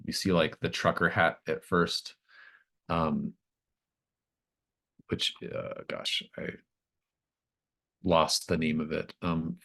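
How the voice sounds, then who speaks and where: A man with a very low, deep voice, marked by vocal fry yet a bit bright, serves as game master for a tabletop horror game. He talks slowly and haltingly, working his way through eerie descriptions.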